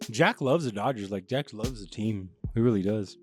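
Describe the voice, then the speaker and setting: A man's voice: lowish voice, lively intonation, normal speed, faint music behind. A young man from the Los Angeles area, hosting a casual chat, rambling with many restarts and plenty of swearing. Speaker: podcast host.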